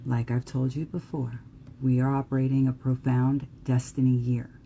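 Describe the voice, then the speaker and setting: A woman's voice: very deep voice, level tone, moderate pace, dark tone, slight background noise. A woman with a New Jersey accent giving a live astrology talk in an earnest, emphatic way. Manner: earnest, emphatic, occasional profanity.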